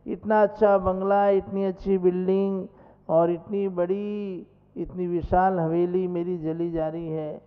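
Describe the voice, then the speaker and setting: A man acting out a wealthy old merchant who wails loudly over his house, in a sermon story. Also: high-pitched, level tone, measured pace, clean tone. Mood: wailing. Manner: loud lamenting wails. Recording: echoey hall, dull lo-fi sound.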